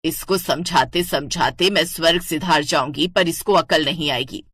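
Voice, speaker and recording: Leela, a fretful old mother-in-law in a cartoon story, voiced by a woman, forever scolding. The voice is bright and forceful but husky, pitched a little low. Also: moderate pace. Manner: scolding, nagging. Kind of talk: cartoon voice acting.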